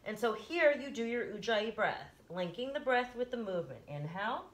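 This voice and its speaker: A middle-aged woman giving casual yoga instruction as a teacher, explaining informally with soft emphasis and little pauses, recorded in a living room by a camera a few feet away. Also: a little high, animated. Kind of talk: casual instructional talk, guided breathing demonstration. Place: carpeted living room, indoors.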